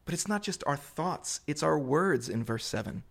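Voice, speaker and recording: A man preaching a sermon to a congregation, explaining scripture in deliberate, emphatic phrases with pauses, repetition and rhetorical questions. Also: on the high side, animated, gravelly, fairly bright tone. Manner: rhetorical questions put to listeners. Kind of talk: sermon, Bible exposition to a congregation.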